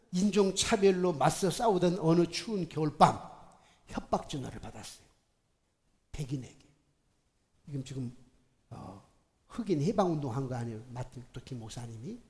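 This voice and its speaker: A middle-aged male pastor giving a sermon in a church, emphatic and colloquial, swinging between hushed and loud. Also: fairly high pitch. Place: church sanctuary. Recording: long hall reverb in a church.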